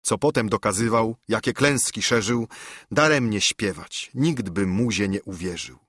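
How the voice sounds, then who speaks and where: Husky guy reading old epic poetry, dry close sound, steady recitation. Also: on the low side, no echo. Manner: measured verse recitation. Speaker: narrator. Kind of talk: reading an epic poem aloud.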